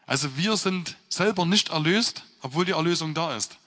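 Bright-voiced man preaching in a reverberant hall. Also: fairly high pitch. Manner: reads scripture slowly, then explains with emphatic stresses. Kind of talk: scripture reading with sermon commentary.

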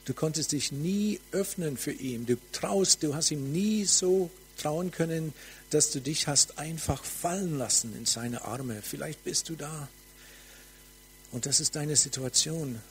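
Slow fervent male preacher, faint hum. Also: on the high side, rough recording. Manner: slow, fervent, drops to soft near-whispers. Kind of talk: charismatic sermon with prophetic ministry.

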